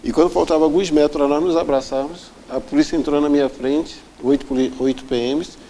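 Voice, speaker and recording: Man with a dark mellow voice telling his story. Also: a little high, fairly even intonation, brisk, slight background noise, low-quality recording. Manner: earnest, vivid retelling that often acts out the people involved. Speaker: interview guest. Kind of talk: personal life story told in an interview.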